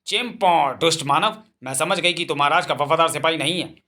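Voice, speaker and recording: A man's voice: a little high, fairly quick, sharp tone. A man voicing a spiteful, greedy female elephant who scolds and gloats. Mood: accusing.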